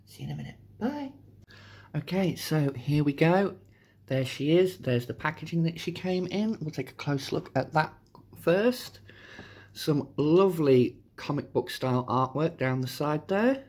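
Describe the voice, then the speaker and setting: A man hosting a casual, chatty toy review, his voice hoarse from a sore throat. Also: a little high, animated, a little slow, a little mellow. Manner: informal, chatty. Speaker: host of a toy review channel.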